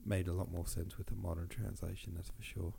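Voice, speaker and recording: With a deep, creaky voice that has a breathy edge, a man reads old poems at a brisk clip on his podcast. Sniffly and congested, he mixes the verse with relaxed, casual asides about it.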